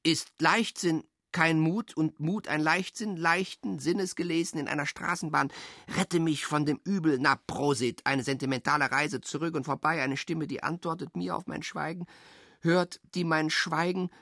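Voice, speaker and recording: A man performing an experimental spoken-word text as a restless stream of consciousness, swinging between low mutters and sudden outbursts. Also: fairly even intonation, normal speed, creaky, sharp tone, no echo, studio quality.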